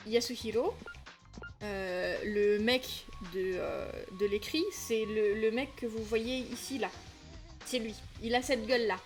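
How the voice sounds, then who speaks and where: Chatty woman streamer from south-west France. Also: on the high side. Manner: chatty, loose, many fillers and restarts. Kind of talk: casual livestream chat.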